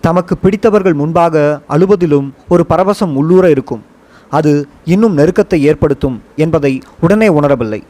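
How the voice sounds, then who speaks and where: Male audiobook narrator, slightly high voice, measured reflective reading, first-person memoir. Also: expressive, warm tone.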